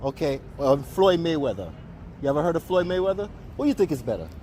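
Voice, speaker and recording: A man's voice: fairly high pitch, very animated, fast talker, dark tone, a little hiss or hum. A man filming casual street interviews on a handheld phone, talking in chatty street slang, out on city streets and in a car. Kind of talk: casual street vox pop.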